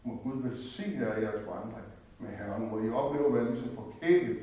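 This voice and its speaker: A man's voice: fairly low pitch, mellow, recorded from a distance. Older man, echoing from afar in a church. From West Jutland, Denmark. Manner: earnest, heartfelt, meandering with restarts. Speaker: lay speaker at a church gathering. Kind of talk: personal faith talk.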